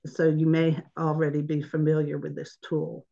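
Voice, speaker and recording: A woman's voice: deep voice, completely flat delivery, moderate pace, vocal fry, dark tone. A woman giving an informal online presentation, chatty and laughing at her own slip-ups, heard over a video call. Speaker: webinar presenter. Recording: dull lo-fi webinar audio.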